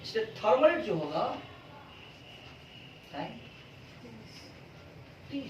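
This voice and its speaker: A man's voice: high-pitched, big pitch swings, slow pace, darkish tone, slight background noise. A male physics teacher giving a classroom lecture, asking questions and answering them himself. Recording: roomy classroom sound from a distance.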